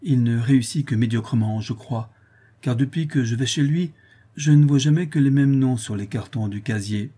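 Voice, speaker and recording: Man narrating an audiobook, dark husky voice, steady scripted reading. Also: medium pitch, moderate pace. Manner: reads a novel aloud, lifting his voice slightly for the characters' lines.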